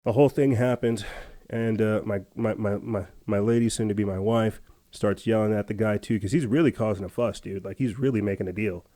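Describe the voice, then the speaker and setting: A man's voice: lowish voice, fairly even intonation, a little fast, mellow. A man hosting a podcast, telling a casual story in a rambling, chatty way with lots of fillers and restarts. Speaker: podcast host.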